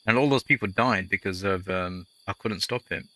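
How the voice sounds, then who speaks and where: A guy rambling through gameplay commentary, a jokey storyteller with a low voice. His tone is very bright and cutting. The sound is close and dry, with no room around it. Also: normal speed, no echo. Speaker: let's play host.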